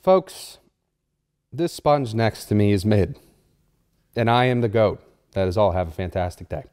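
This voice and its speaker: Man as a cocky, high-voiced sponge candidate. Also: sing-song, normal speed. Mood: smug. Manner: smug, brash, slangy. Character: cocky, trash-talking young smiley scrubber sponge candidate. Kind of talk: comic mock political debate.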